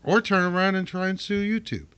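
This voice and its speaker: A man co-hosting a casual podcast chat, rambling with halting restarts. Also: sits high, steady tone, a bit bright, clean tone. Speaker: podcast co-host.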